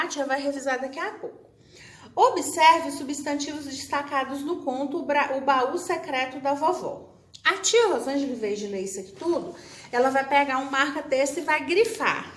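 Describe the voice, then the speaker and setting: A woman's voice: sits high, fairly bright tone. A Brazilian woman teacher recording a class for young children, chatty, talking about herself in the third person and acting out her pupils' questions. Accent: Brazilian Portuguese. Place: classroom or room at home with a whiteboard. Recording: echoey room, faint background noise.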